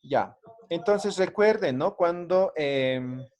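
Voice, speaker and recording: Patient male language teacher, slightly high voice. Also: expressive, slow, darkish tone. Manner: patient, drills greetings, ends phrases with "¿no?". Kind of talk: online class.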